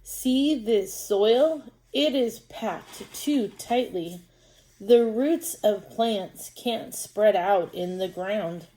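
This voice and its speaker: A woman reading the lines of a small, cheerful male earthworm from a storybook, slowly and deliberately. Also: mid-range voice, dark tone, low-quality recording. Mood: friendly. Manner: slow, deliberate read-aloud.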